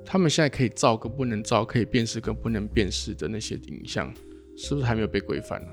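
Male podcast host, lowish voice, musing conversational tone. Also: fast, vocal fry, soft background music. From Taiwan. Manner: musing, thinks aloud, wraps up topics.

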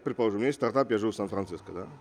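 Speaking at a racing clip in a lowish voice, this Russian-raised entrepreneur is a guest in a casual interview. He comes across as assertive and keeps throwing out rhetorical questions.

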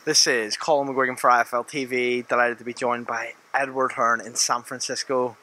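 A man's voice: medium pitch, little pitch movement, normal speed, pushed and bright, slight background noise. A man with a Northern Irish accent interviewing a guest in a casual way as a sports reporter.

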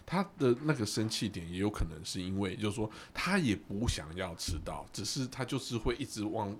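Fast-talking man with a very low voice. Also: slight background noise. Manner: animated storyteller who acts out quoted dialogue. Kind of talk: casual chat.

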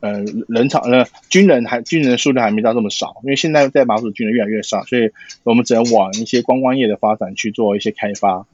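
A man from Matsu with a Taiwanese Mandarin accent, explaining things casually in a halting way with repeated words. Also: medium pitch, a little mellow, husky, no room sound. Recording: dull lo-fi sound, dry.

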